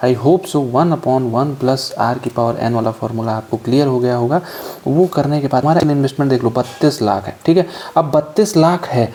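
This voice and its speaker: A man teaching finance as a tutor, walking through worked examples step by step in a chatty way. He repeats steps in quick drills and adds joking asides. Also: medium pitch, warm tone, a little hiss or hum. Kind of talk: screen-recorded worked-example lesson.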